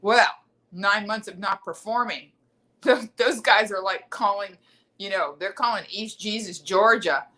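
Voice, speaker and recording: A middle-aged woman comedian hosting her own livestream, telling self-mocking road stories in a casual, animated way and acting out the people she quotes. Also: mid-range voice, unhurried. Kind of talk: casual storytelling monologue. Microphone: livestream webcam mic.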